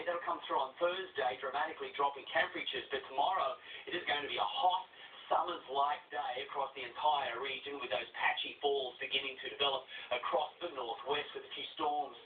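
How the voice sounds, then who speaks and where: A man presenting a regional weather forecast in a brisk, explanatory way. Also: mid-range voice, recorded from a distance. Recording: echoey, tinny off-air TV recording.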